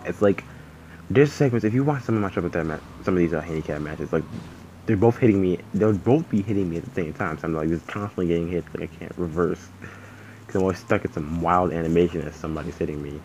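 A man with a low voice talks loosely over his gameplay, drowsy and yawning. He rambles and swears freely, with a faint hum of background noise behind him. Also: quick pace, a little mellow, poor audio. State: sleepy, yawning. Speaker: gaming channel host. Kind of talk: casual gameplay commentary.

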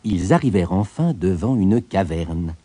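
Mellow, expressive male storyteller. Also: low-pitched, moderate pace, breathy edge, no echo. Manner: expressive, lilting telling. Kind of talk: storybook narration.

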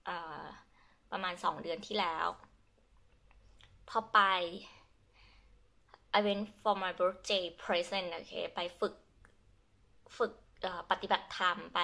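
A young adult Thai woman teaching her language, switching between Thai and slow, halting English with a Thai accent, and often repeating herself. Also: mid-range voice, sharp tone. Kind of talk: bilingual lesson, Thai with English glosses.

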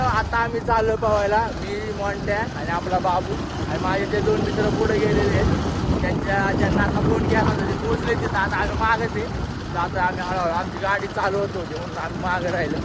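A young man from Maharashtra chatting to his viewers as friends while filming a casual village vlog outdoors. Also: sits high. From Maharashtra, India. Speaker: vlogger. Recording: outdoor phone recording with loud background noise.

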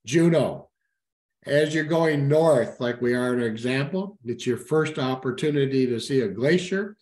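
A middle-aged man talks through a slide presentation over a webcam. He has a mid-range voice and a relaxed, halting delivery full of fillers and self-corrections. The audio has a roomy, reverberant quality. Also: mid-range voice. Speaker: cruise line sales representative. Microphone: webcam at a desk, video call.

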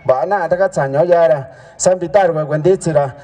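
High-voiced, mellow fiesta announcer man. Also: normal speed. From Mexico. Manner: short clipped phrases, naming sponsors and guests. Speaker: event announcer. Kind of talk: public announcement at a village fiesta dance. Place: dance held in a church.

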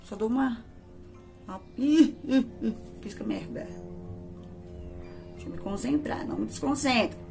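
A woman's voice: mid-range voice, a little mellow. A Brazilian woman casually reviewing makeup in a chatty, affectionate way, talking straight to her viewers. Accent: Brazilian Portuguese. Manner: chatty, affectionate, addresses viewers as "amores" and "gente". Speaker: beauty vlogger.

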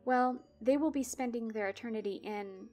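A woman's voice: a little high, normal speed, darkish tone, soft background music, natural voice. A woman voicing a bored, weary balding gatekeeper in his fifties in a spoken horror story. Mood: sheepish. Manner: bored, brusque.

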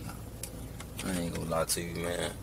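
A man's voice: low-pitched, completely flat delivery, brisk, vocal fry. A man, talking in casual slang as a detainee in a police car. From Chicago, United States. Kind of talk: casual, slangy back-and-forth. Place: back seat of a moving police vehicle. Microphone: fixed in-car camera, at a distance. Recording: distant mic in very noisy car.

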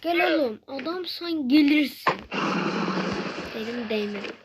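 A woman giving casual gameplay commentary, excitable and taunting, calling out to in-game enemies in slangy trash talk. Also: high-pitched, unhurried, heavy background noise. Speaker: gaming channel host.

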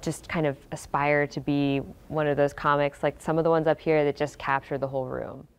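A woman's voice: sits low, level tone, a little fast, clear, resonant tone, soft background music. Chatty, slightly nervous woman outdoors. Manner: chatty, nervous, self-deprecating. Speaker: comedy student, interviewee. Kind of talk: casual interview chat. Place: outdoors on a bench beside a sidewalk.

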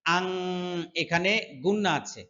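Male recitation teacher, high voice, slow drawn-out chanting with repeats, dull lo-fi sound. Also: expressive, bright, forceful tone. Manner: chants phrases slowly and repeats them, then explains pronunciation quickly. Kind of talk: slow recitation lesson with explanations.

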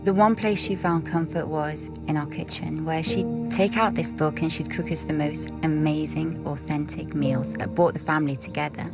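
A woman from Syria with a British accent narrates in documentary style, her voice very low. She sounds heartfelt and reflective. Loud music runs underneath. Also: steady tone, normal speed, creaky, few pauses. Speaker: food company founder. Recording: video with loud music behind.

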